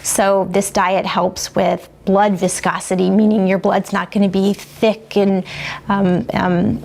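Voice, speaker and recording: Woman, nutrition expert type, gravelly edge, measured and informative. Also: mid-range voice, little pitch movement, darkish tone. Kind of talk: explanatory documentary interview.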